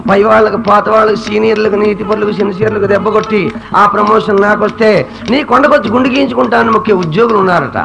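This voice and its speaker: A harikatha performer tells a satirical harikatha in a Coastal Andhra Telugu accent, theatrical and funny, slipping into sung verses. His voice is high-pitched, steady in tone, quick, and creaky, and the poor-quality audio has music in the background.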